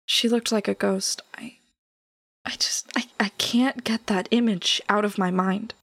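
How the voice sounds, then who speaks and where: A woman playing Ivory, a raw and volatile grieving young woman who speaks in halting, stammering bursts in an audio drama. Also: medium pitch, steady tone, fairly bright tone, dry recording. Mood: despairing.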